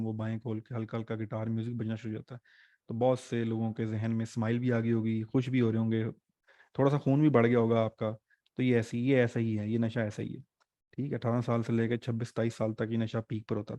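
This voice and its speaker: A male teacher leads an online exam-prep class in a chatty, joking style, mixing in English terms. His mellow voice is at an ordinary middle pitch, recorded dry and close on a desk mic with no room sound.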